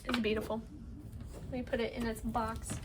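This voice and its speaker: On the high side with little pitch movement, a woman talks at normal speed in a casual show-and-tell of her tarot deck to camera. She rambles and gushes with lots of "like," against strong wind noise.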